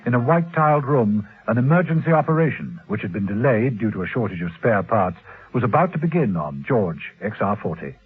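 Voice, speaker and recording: A man with a lowish, sing-song voice narrates a classic radio spy drama at a fairly quick clip, sounding theatrical, suspenseful and arch. The old radio recording is muffled and husky-sounding.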